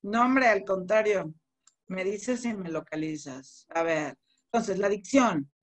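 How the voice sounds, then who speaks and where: A woman's voice: medium pitch, slow pace. A middle-aged woman with a Mexican accent, teaching public speaking in an online class over a computer mic, conversational and explaining with spoken examples. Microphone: computer mic on a video call.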